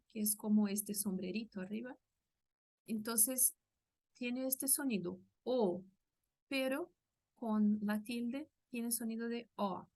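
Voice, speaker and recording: A woman's voice: on the high side, darkish tone. A woman from Brazil with a Brazilian Portuguese accent, a native Portuguese speaker, patiently explaining sounds in a language lesson and modelling each one aloud. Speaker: language teacher.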